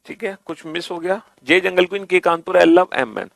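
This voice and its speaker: High-voiced Hindi teacher, dry close sound. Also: male voice, a little fast, creaky, no echo. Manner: coaxing, repetitive, calls students beta. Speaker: reasoning teacher. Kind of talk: online class lecture. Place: online class.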